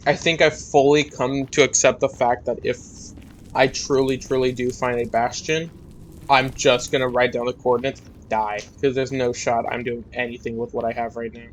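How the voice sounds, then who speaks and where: A man's voice: medium pitch, little pitch movement, normal speed, rough recording. Young male gamer, mid-range voice, chatty and self-deprecating, light background hiss. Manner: rambling, self-mocking, muttering to himself. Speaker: gaming YouTuber. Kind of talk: casual gameplay commentary.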